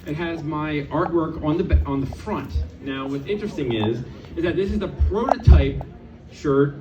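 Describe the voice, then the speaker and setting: A man's voice: fairly high pitch, normal speed. A man casually presenting auction items to a crowd in an informal, unscripted, slightly hesitant way. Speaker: car designer presenting charity auction lots. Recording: echoey, dull, distant mic with music.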